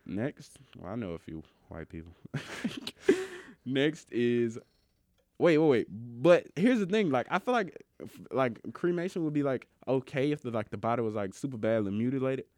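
A man's voice: medium pitch, sing-song, moderate pace, a little mellow, dry recording, clean studio sound. A young man with a Mississippi accent chatting casually in a slangy, emphatic storytelling way. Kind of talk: casual, animated banter.

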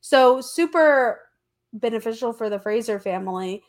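A woman's voice: fairly high pitch, expressive, normal speed. A woman with a congested, stuffy nose from allergies, telling history as a podcast host in a casual, slangy, emphatic way. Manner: chatty, informal, slangy and emphatic. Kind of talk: casual conversational history storytelling.

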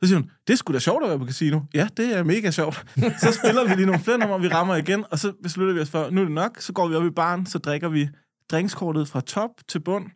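Man telling wild stories on a podcast, kinda high voice, dry close mic. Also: no echo. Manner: animated, swearing, laughing storyteller. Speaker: podcast co-host. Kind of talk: casual storytelling chat.

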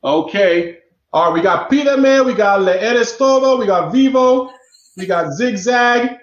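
High-voiced upbeat male stream host. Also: animated, unhurried, echoey room, lo-fi sound. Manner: upbeat, reads out viewer chat, counts down. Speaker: host of an online live stream. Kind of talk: lively interactive hosting. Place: indoor room, talking away from the mic at times.

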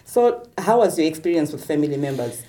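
A young woman co-hosting a podcast from South Africa, telling her story in an animated way and acting out quoted voices. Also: low voice, fairly quick. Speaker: podcast co-host. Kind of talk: candid storytelling conversation.

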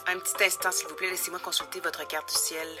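A woman's voice: fairly low pitch, flat delivery, fast, close to an everyday voice. A woman playing a female phone operator, polite and formal in a scripted call-center manner. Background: loud music.

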